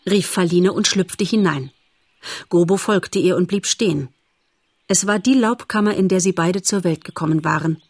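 A woman narrating a children's animal story in a calm, measured audiobook style. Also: fairly low pitch, no room sound.

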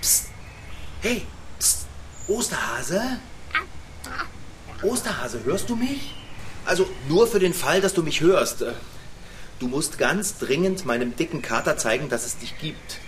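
A man playing a good-natured bicycle mechanic in an audio drama. He sounds warm-hearted and a little naive. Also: fairly high pitch, expressive, normal speed, slight background noise, close to an everyday voice. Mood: hushed.

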